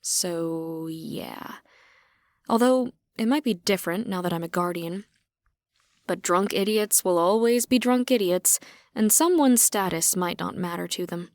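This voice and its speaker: Woman narrator, first-person fantasy audiobook, wry even delivery, dry close studio sound. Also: fairly low pitch, measured pace, dry recording.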